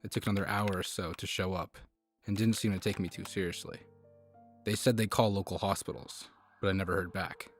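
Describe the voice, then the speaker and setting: Low-voiced man narrating a horror story. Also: fairly even intonation, fairly quick, faint music behind. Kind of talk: scripted first-person horror narration.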